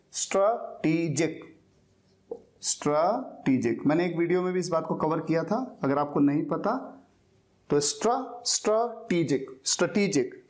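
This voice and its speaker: A man teaching an English lesson, explaining step by step and slowly repeating key words. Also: high-pitched, darkish tone.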